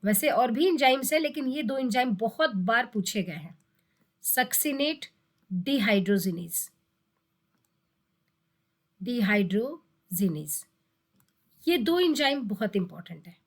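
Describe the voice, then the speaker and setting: A woman's voice: sits high, animated, a little fast, hardly any pauses. A woman explaining biology for an exam, repeating key terms and asking herself questions. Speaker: biology teacher. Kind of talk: exam-prep lecture.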